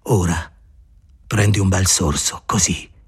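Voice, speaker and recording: A man voicing a brooding, obsessive young male lover in a read-aloud novel, dropping low in a husky, breathy voice. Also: fairly even intonation, slow pace, full character voice. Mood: insistent. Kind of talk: audiobook character voice.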